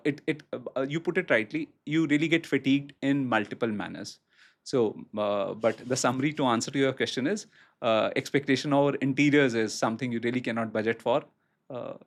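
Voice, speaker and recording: A man with an Indian accent answering as a real estate expert on a podcast, explaining haltingly and repeating phrases for emphasis. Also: mid-range voice.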